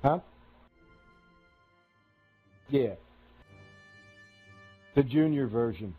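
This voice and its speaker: A man's voice: mid-range voice, lively intonation, slow, breathy edge, narrow, tinny audio, faint music behind. A man streaming a tank game, giving casual commentary with grumbling, sarcastic asides.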